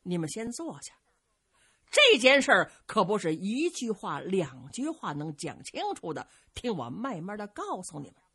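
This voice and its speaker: A woman voicing a shrewd, stern male strategist who speaks in a measured, scolding way. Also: mid-range voice, big pitch swings, sharp tone, breathy edge, heavily acted.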